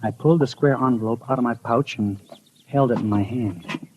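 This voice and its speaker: With a medium pitch, normal pace and near-everyday delivery, an actor voices an anxious, imaginative postman from 1950s radio drama who narrates his brooding suspicions and stammers hesitantly with others. The recording is muffled with a noisy background, like a 1950s broadcast with music.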